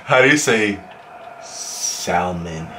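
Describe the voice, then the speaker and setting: A young man quizzing his friend in casual banter, animated and exasperated. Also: mid-range voice, normal speed. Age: young adult. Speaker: quizmaster in a pronunciation challenge. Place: small bedroom. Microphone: camera a few feet away. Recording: echoey room, distant mic, noisy background.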